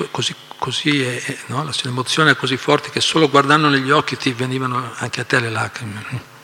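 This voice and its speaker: A man reads and explains scripture to a devotional class, animated, with many asides. His voice is bright, sharp and gravelly. Long reverb trails off in the hall. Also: mid-range voice, slight background noise. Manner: animated storytelling with frequent asides and repetitions.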